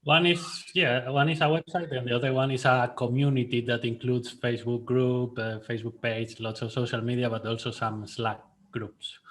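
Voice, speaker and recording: A man's voice: medium pitch, level tone, normal speed, few pauses, fairly bright tone. Laughing, modest male guest. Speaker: guest, conservation biologist. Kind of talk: casual interview chat.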